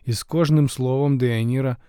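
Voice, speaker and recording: A man narrating a novel as an audiobook reader, in an even, ironic storytelling manner. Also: medium pitch, a little fast, clear, resonant tone, dry recording, studio quality.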